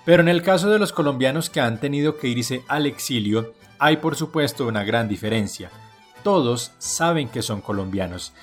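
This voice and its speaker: A man hosting and narrating a documentary segment in a measured, explanatory way. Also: medium pitch, expressive, faint music behind. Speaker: program host and narrator.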